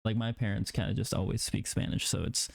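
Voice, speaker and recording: A man's voice: on the low side, fairly even intonation, fairly quick, vocal fry, dry recording. A young man from Mexico hosting an interview, asking rambling, easygoing questions with fillers. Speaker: podcast host.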